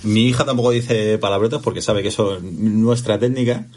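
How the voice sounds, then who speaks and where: A man's voice: fairly low pitch, moderate pace, a little mellow. A man with a Spanish accent co-hosting a podcast, telling stories in a rambling, hesitant casual chat. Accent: Spain. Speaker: podcast co-host.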